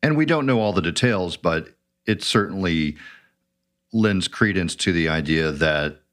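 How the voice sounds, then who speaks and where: A man hosting a true crime show, asking a reporter questions in a measured, conversational way. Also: sits low, expressive, a bit bright. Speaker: podcast host. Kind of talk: interview questions.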